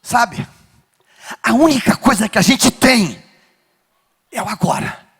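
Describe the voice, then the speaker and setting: Um pastor de Rio de pregando um sermão com fervor, chamando a congregação a responder e subindo a voz em gritos. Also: male voice, very high voice, expressive, takes it slowly, husky. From Brazil. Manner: fervent preaching, rising to shouts, call-and-response with the congregation. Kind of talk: sermon. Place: church.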